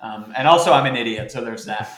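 A man's voice: medium pitch, fast, a bit bright. Rambling man in an echoey room. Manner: rambling, self-deprecating, with frequent "um" restarts. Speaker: podcast host. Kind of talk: casual podcast chat.

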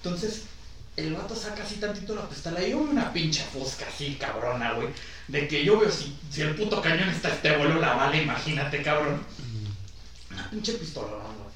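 A young man with a Mexican accent telling a story on a casual podcast, full of crude slang and lively retelling. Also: on the high side, moderate pace. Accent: Mexican Spanish. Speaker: podcast host. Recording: echoey room, far from mic, faint noise.

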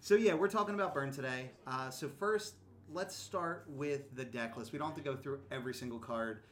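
A man's voice: medium pitch, a little fast, a bit bright. A man hosting a podcast in casual chat, rambling with lots of fillers and laughing often, recorded in a comic book store. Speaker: podcast host.

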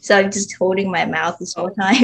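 A woman from Vietnam talks as a podcast guest in a loose, casual chat. She is giggly and excitable, often restarting her sentences as she rambles along. Her pitch sits in an ordinary middle range.

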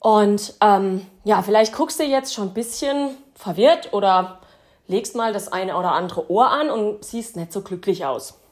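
A woman's voice: medium pitch, unhurried, a little mellow. A woman teaching about horse training in a chatty lesson, talking straight to the listener with plenty of fillers. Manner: chatty, addresses listener directly as "du", many fillers. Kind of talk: spoken lesson with thought experiments.

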